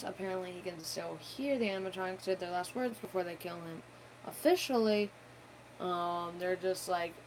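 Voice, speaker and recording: A woman's voice: lowish voice, a little hiss or hum, poor audio. A woman hosting a gaming channel, giving an unscripted live-stream game theory talk, rambling with many fillers and self-corrections.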